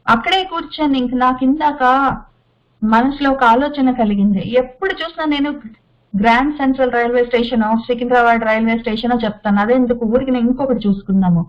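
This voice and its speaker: A woman teaching the Bhagavad Gita in an unhurried spiritual discourse, listing examples and asking rhetorical questions. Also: high-pitched. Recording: dull lo-fi sound.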